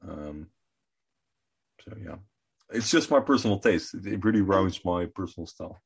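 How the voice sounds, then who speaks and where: Relaxed podcast co-host, man, deep husky voice. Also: normal speed. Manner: easygoing, short reactions and asides. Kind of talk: casual podcast chat.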